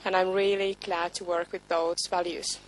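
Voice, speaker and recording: A woman, a youth party officer introducing herself in a measured way. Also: fairly low pitch, flat delivery, over loud music, poor audio.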